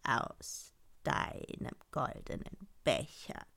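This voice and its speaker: A woman voicing a male frog in a fairy tale, speaking in a low, slow, croaky voice and adding quacks. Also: pushed and bright. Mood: pleading. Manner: drawn-out, croaky, ends lines with quacks.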